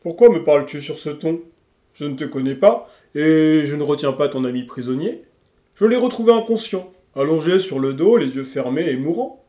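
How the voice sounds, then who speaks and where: A man plays a huge crystal-blue dragon with a soft, kind way of speaking, a healer in a storybook tale. The voice sits a little high for a man and rings in an echoey room. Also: lively intonation, natural voice. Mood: gentle. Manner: soft and kind, slow chanting spells. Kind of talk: storybook reading.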